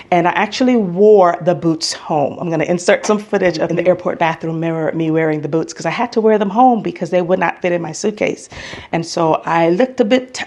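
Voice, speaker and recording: Speaking with a lowish pitch and a darkish tone, this American woman chats casually for her travel vlog. She's opinionated and tends to repeat herself for emphasis.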